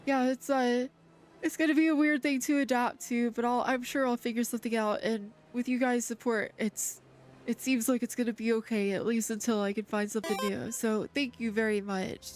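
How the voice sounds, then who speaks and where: A woman's voice: on the high side, fairly even intonation, brisk. A woman livestreaming a game, chatting casually in a cute, friendly anime-streamer manner. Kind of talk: casual livestream chat while playing a game. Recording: game music under the voice. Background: video game music.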